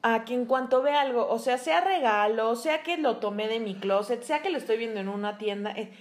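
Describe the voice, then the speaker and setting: Woman, blunt, slangy, animated, casual chat. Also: fairly high pitch, moderate pace.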